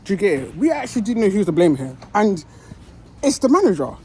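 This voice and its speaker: A woman delivers an angry fan rant, cursing and repeating herself as she builds her case. Her pitch swings widely from low grumbles to sharp peaks, over a faint hum of background noise. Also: very animated, fast. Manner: heated, swearing, repeats herself. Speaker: football fan.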